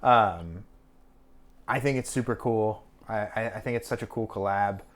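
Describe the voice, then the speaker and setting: Unhurried and fairly low in pitch, this young podcast co-host meanders through a casual conversation. His talk wanders, sprinkled with fillers and restarted sentences.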